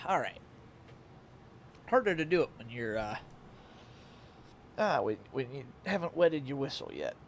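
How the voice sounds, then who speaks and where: A man's voice: mid-range voice, big pitch swings, measured pace, pauses often, slight background noise. A young man chatting casually on a live stream, playful and fond of toying with his voice, with the hiccups. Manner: playful, plays with his voice and octaves.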